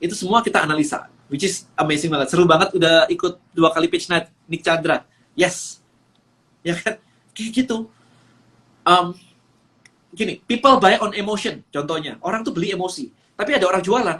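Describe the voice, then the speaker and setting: High-voiced, energetic male business coach. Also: normal speed. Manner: energetic, mixes English phrases, frequent fillers. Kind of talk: live-stream talk.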